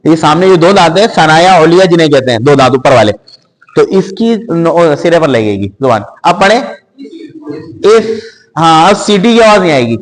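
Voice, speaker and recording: High-voiced Quran teacher, drawn-out words, reverberant hall. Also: male voice, lively intonation. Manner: drawn-out stressed words, then quick glosses and questions to the class. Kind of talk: classroom vocabulary lesson.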